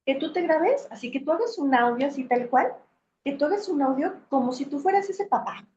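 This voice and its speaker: A woman's voice: sits high, lively intonation, brisk, darkish tone. A middle-aged woman gives a reflective talk on emotional healing, asking rhetorical questions and checking in with her audience. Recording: roomy, slightly dull sound with faint hiss.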